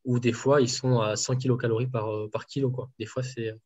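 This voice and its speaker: Man, dietitian interviewee, halting delivery, dull lo-fi call sound. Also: mid-range voice, flat delivery, darkish tone, slightly rough. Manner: hesitant, many fillers and restarts. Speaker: home enteral nutrition dietitian. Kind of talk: casual interview answers.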